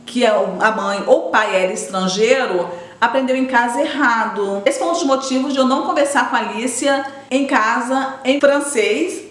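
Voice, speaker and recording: A middle-aged Brazilian woman chatting casually to her viewers as a vlogger, talking directly to them and often restarting her sentences. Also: on the high side. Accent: Brazilian Portuguese. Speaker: vlogger and educator. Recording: roomy echo.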